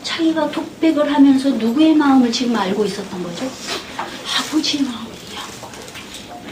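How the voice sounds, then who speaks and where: A woman counselor giving a church lecture, an animated storyteller who acts out the dialogue. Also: high-pitched, brisk. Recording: echoey hall from far off with noise.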